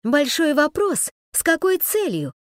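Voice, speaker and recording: A woman voicing a sharp-tongued young woman who is scared but defiant, firing back mocking retorts in a raised, loud voice. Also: high-pitched, big pitch swings, a little slow, no room sound, studio quality, voice pushed up. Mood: sarcastic.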